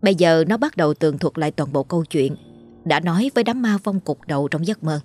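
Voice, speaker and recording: A woman narrating a horror story in a steady, dramatic way. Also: sits low, fast. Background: faint music.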